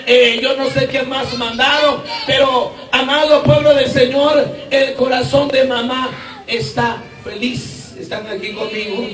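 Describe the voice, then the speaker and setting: A man from Guatemala preaching a fervent sermon, shouting often and calling out questions to the congregation. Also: very high-pitched. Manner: fervent, shouting and asking the crowd for replies. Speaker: evangelist preacher. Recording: echoey room from far off.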